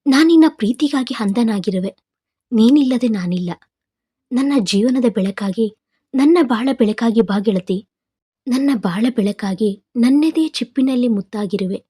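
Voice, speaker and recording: A woman's voice: on the high side, measured pace, mellow, breathy edge. A woman voicing a young man proposing to his beloved in a tender, poetic recitation.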